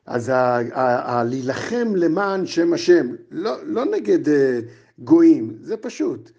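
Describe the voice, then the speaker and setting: A man's voice: a little high, very animated, mellow, lo-fi sound. A man teaching a recorded Torah lecture, asking rhetorical questions and often stopping to restart a sentence. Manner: asks many rhetorical questions; halting, with frequent restarts. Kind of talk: recorded lecture on an ethical text.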